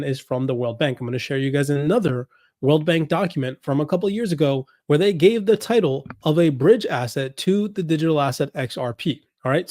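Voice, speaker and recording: Slightly high-voiced man walking through documents. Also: a little mellow, dry recording, studio quality. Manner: explains while scrolling, reads passages aloud, repeats points. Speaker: crypto commentary host. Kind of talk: screen-share document walkthrough.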